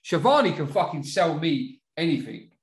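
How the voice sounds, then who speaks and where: A man's voice: on the high side, very animated, moderate pace. A British man co-hosting a podcast in casual chat, rambling and sweary, recorded in an echoey room. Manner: sweary, rambling, often checking he is understood. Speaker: wrestling podcast co-host.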